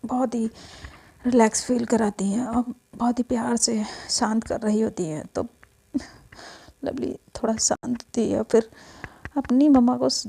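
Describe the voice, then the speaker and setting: A woman narrating a romance story episode in a plain, unhurried, casual telling. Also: fairly high pitch, vocal fry, dark tone, husky.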